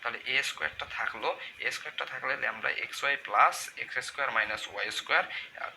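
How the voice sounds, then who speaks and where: Guy rattling thru math steps fast, answers his own questions, noisy room hiss. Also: mid-range voice, gravelly, bright, forceful tone. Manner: walks through algebra aloud, asks and answers own questions. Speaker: math tutor. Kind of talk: step-by-step lecture.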